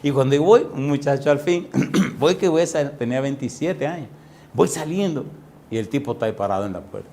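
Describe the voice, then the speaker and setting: Male pastor, slightly high voice, animated storytelling sermon with chuckling, folksy asides. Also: brisk, a little hiss or hum.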